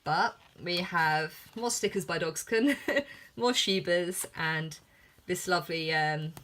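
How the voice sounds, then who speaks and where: A woman with a fairly low voice and a lisp gives a casual sketchbook commentary. She takes it very slowly, hesitating often, and sounds self-deprecating and a little giggly. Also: fairly bright tone, slight background noise. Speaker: artist showing a sketchbook. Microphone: filmed on iPhone.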